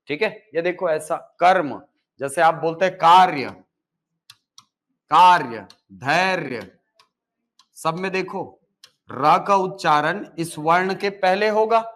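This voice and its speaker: A male Hindi teacher with a Chhattisgarhi accent, giving a live classroom lecture and explaining step by step, asking and answering his own questions. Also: on the high side.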